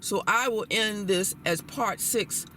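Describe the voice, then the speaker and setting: A man reading a scripted personal commentary aloud in a deliberate, formal manner. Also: sits high, bright, forceful tone, a little hiss or hum, rough recording. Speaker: commentator giving a personal perspective. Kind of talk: scripted spoken essay, read aloud.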